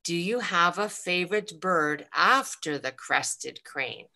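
A woman from Greece hosting a live online question-and-answer session, speaking slowly and hesitantly with many ums, on a video call. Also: fairly low pitch, animated, bright, forceful tone. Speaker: planetarium program host.

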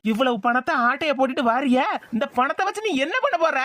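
A woman voicing a tall gruff woman with a Tirunelveli accent, mocking and menacing, in a cartoon. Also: sits high, animated, fairly quick, a bit bright, voice pushed down. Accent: Tirunelveli Tamil.

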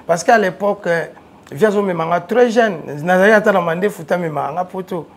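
Seated on a sofa in a TV studio, a man with a Congolese French accent talks about his music career in a casual interview, mixing French and Lingala. His voice is high and brisk, and he tells stories animatedly, getting loud when he's excited.

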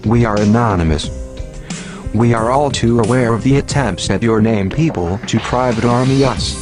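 A man reading a scripted anonymous statement in a measured, declamatory way, his voice disguised and lowered. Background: music.

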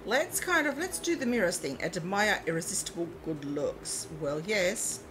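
This woman, a let's play host, talks casually through a mobile game and reads its prompts aloud in a fairly low, sing-song voice at normal speed, with a noisy background. Her English has a mixed, mostly Australian accent, and her first language is Eastern European.

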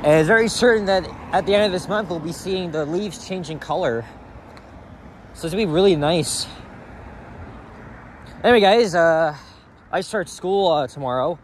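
Walking along a city sidewalk with a handheld camera, a young adult vlogger rambles casually in a high-pitched voice at a moderate pace, leaving long pauses. Cars and street ambience can be heard throughout the outdoor recording.

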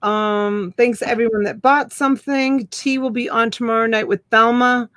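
A middle-aged woman hosting a live online auction from a room at home, counting items and calling bids slowly on a webcam. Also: on the high side, steady tone, fairly bright tone, no room sound.

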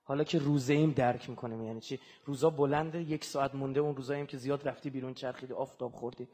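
Husky man preaching a fervent sermon. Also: mid-range voice, steady tone. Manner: swings from hushed mournful lines to loud fervent outbursts. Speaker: religious speaker. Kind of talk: impassioned religious sermon.

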